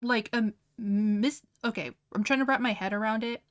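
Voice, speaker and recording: A woman's voice: on the high side, fairly even intonation, moderate pace. A young woman streaming while she draws. She chats casually, often saying "like", and keeps breaking into giggles as she reacts in disbelief. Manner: giggly, laughs often, heavy use of "like". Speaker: art streamer. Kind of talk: casual livestream chat while drawing.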